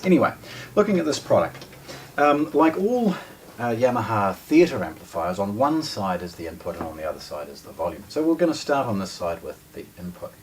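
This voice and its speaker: Speaking with a fairly low, sing-song voice, this New Zealand man in his forties demonstrates an unboxing for a hi-fi shop in a relaxed, explanatory way, breaking off mid-sentence now and then. He's indoors beside a wooden table and shelves of discs, recorded on a far-off mic with obvious background noise.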